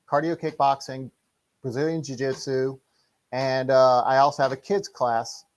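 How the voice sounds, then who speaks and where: A middle-aged martial arts instructor, interviewed as a guest, explains things in a casual, rambling, halting way. His voice is at a medium pitch.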